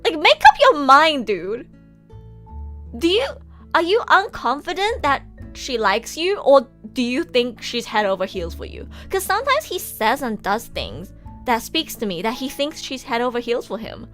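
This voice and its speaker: Brief: a woman streamer with a high, lively voice, ranting casually and laughing often. Faint music plays underneath. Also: moderate pace. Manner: animated, exasperated ranting with frequent laughs and swearing. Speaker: VTuber streamer. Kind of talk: casual livestream chat.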